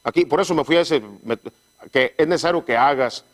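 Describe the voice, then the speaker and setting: A man preaching a sermon who keeps asking his congregation for agreement and stumbles and repeats words as he reads scripture aloud. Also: a little high. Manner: call-and-response, frequent "¿verdad?"; halting, repeats words while reading scripture. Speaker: pastor.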